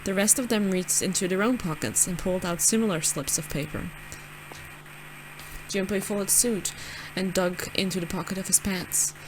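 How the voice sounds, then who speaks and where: A woman's voice: mid-range voice, normal speed, noisy background. A young woman reading a visual novel aloud, casual and giggly, stumbling over words with side comments. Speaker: gaming channel host.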